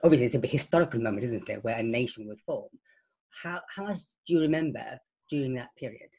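A man's voice: medium pitch, expressive, quick pace, a little mellow, husky. A man interviewing a guest, asking patient questions and restating the answers before moving on. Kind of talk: oral history interview.

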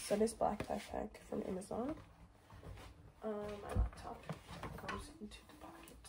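A woman's voice: medium pitch, fairly even intonation, unhurried, vocal fry, noisy background. A teenage girl in casual vlog chat, rambling with lots of filler words, filmed on a phone in her bedroom. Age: teens. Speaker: vlogger. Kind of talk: casual day-in-my-life vlog. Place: small bedroom at home. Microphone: phone camera propped nearby.

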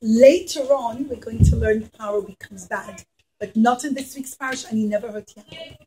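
With a fairly high, warm voice at normal speed, a middle-aged woman tells her preschool class a story indoors. Her phrasing is simple, emphatic and repetitive, and the audio is poor.

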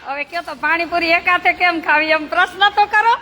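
Among a group of children in a noisy, crowded outdoor setting, a slum-children's charity founder talks with the kids casually. She speaks a little fast in a very high voice, teasing, coaxing and scolding them, bossy but playful.

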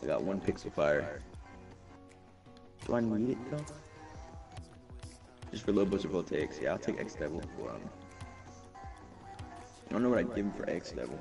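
Young man, low and gravelly, slangy live-stream banter, set back from the mic under loud game music. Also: very animated, moderate pace, long pauses, recorded from a distance. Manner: hyped, slangy, reads chat aloud. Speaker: gaming streamer. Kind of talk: casual live-stream chat.

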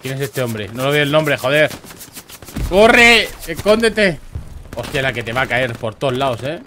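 A young man with a Murcian Spanish accent commentating gameplay clips, excitable, swearing and bursting into loud high yells. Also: fast, a little hiss or hum. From Murcia, Spain. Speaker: streamer reviewing viewer gameplay clips. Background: faint game gunfire.

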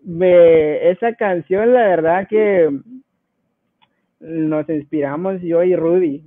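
A man from Guatemala chats as a guest, an easygoing rapper who chuckles as he tells his stories. His voice sits high, and the sound is dry and thin like a phone line. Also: takes it slowly, dry recording. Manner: easygoing, chuckles between anecdotes. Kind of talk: casual interview storytelling.

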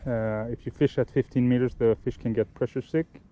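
A young man gives relaxed, explanatory fishing tips outdoors by a lake, often restarting and correcting himself mid-sentence. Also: mid-range voice, fairly quick. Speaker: fishing vlogger. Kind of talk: casual instructional talk while fishing.

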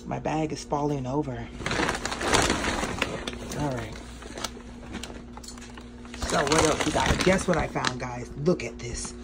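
Chatty, excited woman vlogging her groceries. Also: rumbling low, takes it slowly, long pauses, heavy background noise. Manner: chatty and excited, with many ums. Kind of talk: casual grocery haul vlog. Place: small home kitchen.

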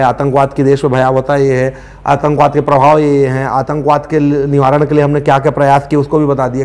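A man teaching an exam-prep class in a conversational lecture style, often stopping to check that students follow. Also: on the high side. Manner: conversational, checks understanding with frequent asides.

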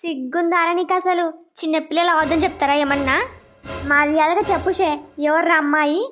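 Cartoon grandma, scolding, very high, flat sing-song delivery, as a performer puts her on. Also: a little fast, faint music behind. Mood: angry. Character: scolding grandmother, mother of the household. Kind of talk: cartoon voice acting.

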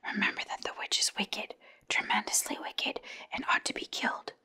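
A woman's voice: normal speed, pushed and bright, close to an everyday voice. Lady doing a bossy giant floating wizard head, stern hissy whisper, storybook villain-ish. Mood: commanding. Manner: stern, commanding.

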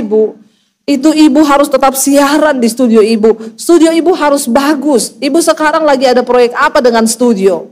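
A middle-aged woman pastor, preaching a storytelling sermon and acting out each voice with big pitch swings. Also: a little mellow. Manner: acts out dialogue with dramatic pitch swings.

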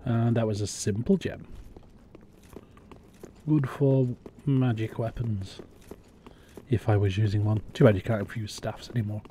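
A man's voice: lowish voice, fairly even intonation, measured pace, long pauses, mellow, slight background noise. A young man chatting casually while playing a game on a live stream, muttering to himself as he goes.

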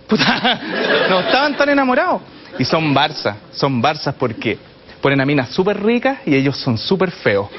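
A man's voice: fairly high pitch, big pitch swings, normal speed. A man with a Chilean accent doing a mocking stand-up comedy routine on stage. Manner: mocking, sings song lines in exaggerated voices. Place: comedy stage before a live audience. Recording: muffled live show recording, loud crowd and noise.

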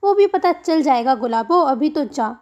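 A woman's voice: high-pitched, animated, moderate pace, a little mellow, lo-fi sound. Woman doing a mischievous young woman prankster. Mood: playful. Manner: teasing and sweetly innocent-sounding.

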